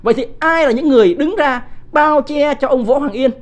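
A man's voice: very high voice, brisk, dull audio. Combative man in his fifties. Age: 50s. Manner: combative, scolds viewers in blunt coarse language; rhetorical, keeps asking the audience "right?". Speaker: livestream political commentator. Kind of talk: off-the-cuff livestream commentary.

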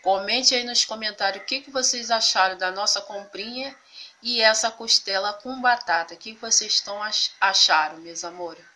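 Filming groceries and cooking with a phone held over the food, this congested Brazilian woman talks to her viewers from off screen in her home kitchen. Her mid-range voice is pushed and bright at a moderate pace, and her homely, casual chatter is full of "meus amores" and "tá."

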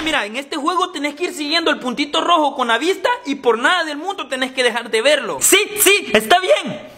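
A man's voice: very high-pitched, pushed and bright. A man, playing every part in a playful comedy sketch. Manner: playful, switches voices between characters. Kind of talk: sketch comedy with many voices.

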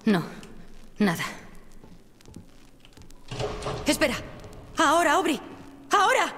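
A woman's voice: high-pitched, sing-song, moderate pace, a bit bright. An actress playing a weary, sardonic but resolute woman in peril in a video game. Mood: focused, grateful. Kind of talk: dramatic video game acting. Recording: hall reverb, faint background noise.

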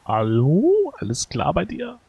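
A man's voice: sits high, huge pitch swings, a little slow, vocal fry, slightly rough, lo-fi sound. A man casually commenting on his gameplay, muttering puzzled remarks to himself. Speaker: let's play streamer.

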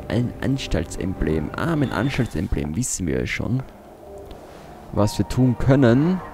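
A man giving casual gameplay commentary as a let's play host, muttering to himself as he thinks aloud. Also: mid-range voice.

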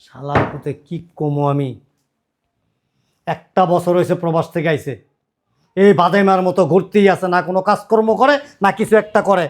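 An actor playing a loud middle-aged father-in-law who keeps berating his idle son-in-law. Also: sits high, steady tone, normal speed, long pauses, natural voice. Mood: furious. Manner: shouting, berating, repetitive rants.

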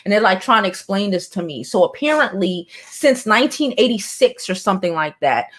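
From her indoor home studio with a neon sign, a Brooklyn woman vlogs celebrity news, reading it aloud and commenting casually and bluntly with sighs and profane asides. Her mid-range voice swings widely in pitch and runs a little fast.

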